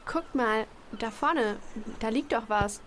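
Casting: woman as a guilty, stammering young woman, high voice, faint noise behind. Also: slow. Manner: stammering, apologetic. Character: guilt-ridden young woman contestant, secret mole.

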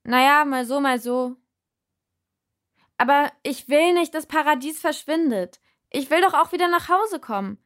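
A woman playing a young woman who shouts high and strained to be heard over loud music. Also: slow. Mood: shouting.

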